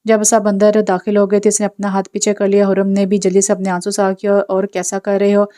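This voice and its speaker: A woman narrates a romance novel in a calm, even storytelling voice. Her pitch barely moves. The tone is smooth and darkly mellow. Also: fast. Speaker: audiobook narrator.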